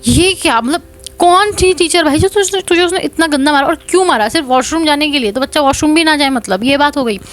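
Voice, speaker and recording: An anxious mother fires questions at her child, urgent and demanding, as a woman recounts her words. The voice sits a little high and pushes forward sharply. Faint music plays underneath. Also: a little fast, natural voice. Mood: indignant. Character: worried, scolding mother.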